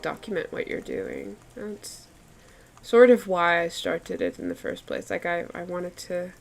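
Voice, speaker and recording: A woman with a fairly low, creaky voice, whose first language is Afrikaans, chats casually while drawing on a live stream. She's chatty and laughs often, with many fillers like "like".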